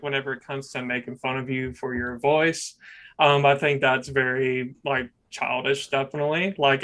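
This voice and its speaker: A young man hosts a casual podcast interview, talking in a mid-range monotone. He rambles, filling his speech with lots of fillers.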